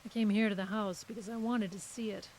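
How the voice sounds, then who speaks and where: On a clearly hissy, rough recording, a woman with a mid-range, steady, darkish voice speaks fast in naturalistic audio drama acting. Lightly acted, she plays a guarded, brusque literary agent, dry and curt, in a dry, reflective mood.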